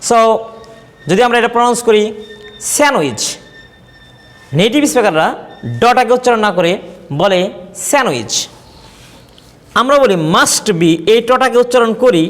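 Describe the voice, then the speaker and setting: Male English teacher with a Bangladeshi accent, lively pitch, drills words slowly, reverberant room. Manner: repeats example words slowly, contrasting pronunciations. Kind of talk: spoken English lesson. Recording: long reverb.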